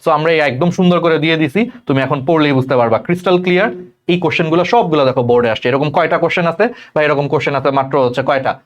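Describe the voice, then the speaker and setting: Young male tutor, rapid chatty exam-prep lecturing, slightly high voice. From Bangladesh. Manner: fast, chatty, addresses students as "bhai", many checks like "thik ache?".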